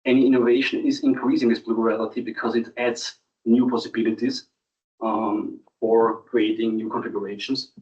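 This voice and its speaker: A man giving an academic thesis defence presentation in a hesitant, halting way, with frequent ums. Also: mid-range voice, flat delivery, darkish tone. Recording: distant mic, dull muffled sound.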